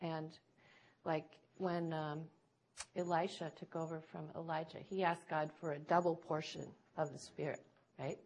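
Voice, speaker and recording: A woman's voice: deep voice, level tone, a little slow, a little mellow, a little hiss or hum. A middle-aged woman giving informal Bible teaching to a group, chatty and laughing often, checking in with "right?".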